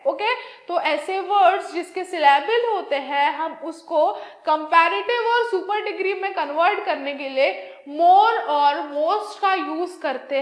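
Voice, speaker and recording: A very high-pitched young Indian woman teaching grammar at an unhurried pace. She stretches out each example word and mixes Hindi with English. Her voice rings in an echoey room. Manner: slow, drawn-out spelling and repetition of example words. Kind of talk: online exam-prep lesson.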